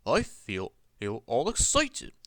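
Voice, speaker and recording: A kindly old engine who speaks gently and firmly, his voice dropping low for grave words, as a man puts him on. The read is lively and bright, recorded dry and close. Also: a little slow, dry recording, heavily acted. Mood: excited. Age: older.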